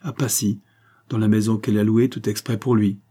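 Cold scheming young viscount, cool insistent delivery, warm dark low tone; man reading. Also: fairly even intonation, brisk, slightly rough. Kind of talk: audiobook character reading.

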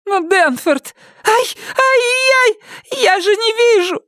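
A shrill, sobbing terrified wife. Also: female voice, lively intonation, slow, no room sound, clean studio sound. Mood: crying. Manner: shrill, pleading, panicked. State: crying. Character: terrified, meek older housewife being hurt.

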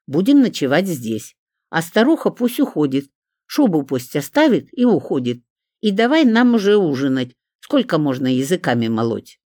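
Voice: medium pitch, sing-song, normal speed, dark tone, dry recording, clean studio sound. A reader voicing Shurka, an older mother who talks coarsely, bosses others about and calls people names. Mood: rude. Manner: coarse, abusive, bossy. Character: rude, demanding older mother from the village.

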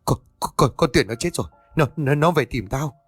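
Cruel old rich woman, stammering and commanding, higher, brisk; male narrator voices her. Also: expressive, slightly rough, dry recording, soft background music. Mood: frightened harsh.

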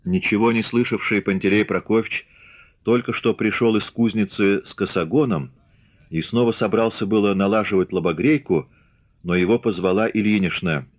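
A man narrating a novel as an audiobook in a steady, measured reading. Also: fairly low pitch. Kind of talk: scripted narration. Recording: dull lo-fi audiobook recording.

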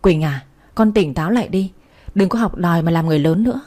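A woman's voice: lowish voice, fast, warm tone, lightly acted. A woman voicing a harsh, fearful mother. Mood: scolding, anxious.

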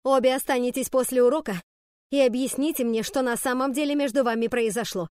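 A woman voicing a strict female school teacher who shouts commands loudly. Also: high-pitched, brisk, no room sound, studio quality, pitched above the performer's own voice, lightly acted. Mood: furious. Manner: loud, commanding.

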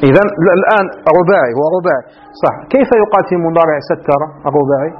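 A man teaching an Arabic grammar lesson, drawing out key words slowly and often asking the class whether it is clear. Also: a little high, a little hiss or hum. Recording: dull lo-fi recording.

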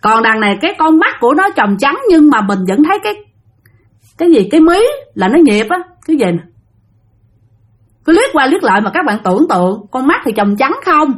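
A woman's voice: high voice, big pitch swings, a little fast. A woman with a Southern Vietnamese accent narrating a ghost story dramatically, speaking directly to her listeners.

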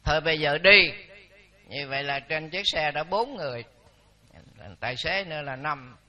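A man in his seventies, a Buddhist monk, telling stories in a dharma talk with lively quoted dialogue. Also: on the high side, moderate pace. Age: 70s. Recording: dull lo-fi recording.

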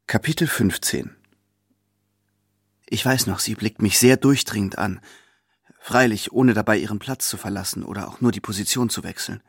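A man reading a novel aloud as first-person literary narration, measured and following the drama of the scene. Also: fairly low pitch, vocal fry, husky, no room sound, studio quality. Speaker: reader.

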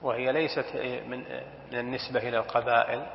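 A man, a sheikh explaining a classical text in a lesson, slow and deliberate and stressing key terms. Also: medium pitch, steady tone. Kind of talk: scholarly lesson commentary. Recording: echoey hall, dull sound with faint hiss.

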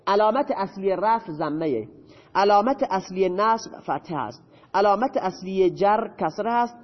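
A man's voice: sits high, big-room sound, lo-fi sound. A male teacher explaining Arabic grammar in a lesson, asking questions and answering them himself.

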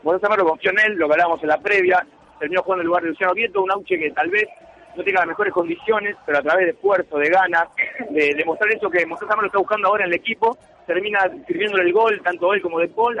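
A man's voice: high-pitched, animated, fast, fairly bright tone. An Argentine man giving live radio reports and comment on a football match. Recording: dull radio sound, faint noise.

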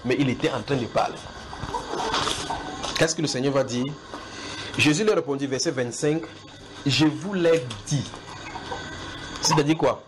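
A man delivers a house church sermon at a middle pitch. He circles back over the same phrases and keeps turning to his listeners with direct questions. Steady background noise runs under the recording. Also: measured pace, pauses often. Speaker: preacher.

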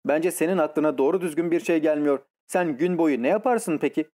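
A woman's voice: deep voice, brisk, dark tone. A man reading an audiobook and voicing a playful young woman who coaxes and mocks. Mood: teasing. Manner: coaxing, mocking.

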